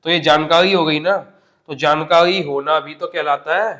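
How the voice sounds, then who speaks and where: A man's voice: on the high side, steady tone, moderate pace, fairly bright tone. A man teaching an exam-prep grammar lesson step by step, asking questions and answering them himself.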